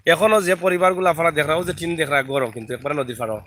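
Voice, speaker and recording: A man's voice: fairly high pitch, expressive, rapid-fire, a bit bright. A man with a Sylheti accent chatting live to viewers from a riverside village, greeting them by name. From Bangladesh. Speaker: vlogger. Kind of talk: live video chat while filming outdoors.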